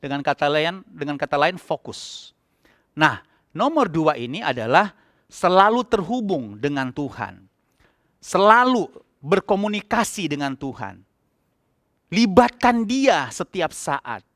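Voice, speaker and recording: A man with an Indonesian accent preaching a conversational sermon as pastor, breaking into loud, emphatic bursts. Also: fairly high pitch, sing-song, unhurried, pauses often, no echo, studio quality. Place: church, online service.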